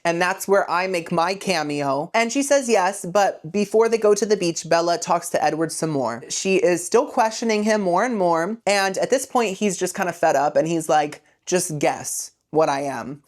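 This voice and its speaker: A woman's voice: lowish voice, lively intonation, normal speed, few pauses. A woman hosting a comedic movie retelling podcast, full of sassy, rambling asides. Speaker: host.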